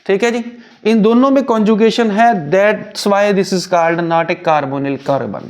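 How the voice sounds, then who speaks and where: Man, chemistry teacher, high voice, slow delivery, asks himself questions then answers. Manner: explains step by step, asks and answers his own questions. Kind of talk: Hindi-English chemistry lecture.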